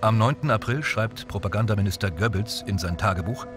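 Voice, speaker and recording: A man reading scripted documentary narration in a measured, even way. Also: on the low side, over music. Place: voice-over booth. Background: documentary score.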